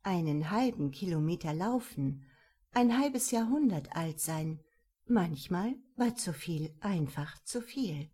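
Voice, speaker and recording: A woman reading a crime novel aloud, in calm, measured scripted narration. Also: fairly low pitch, husky. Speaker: audiobook narrator.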